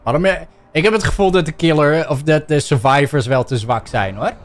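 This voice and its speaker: A young man with a Dutch accent giving excitable gameplay commentary, shouting and yelping playfully as he plays. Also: a little fast. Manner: shouty, playful, bursts into silly high yelps. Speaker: gaming YouTuber.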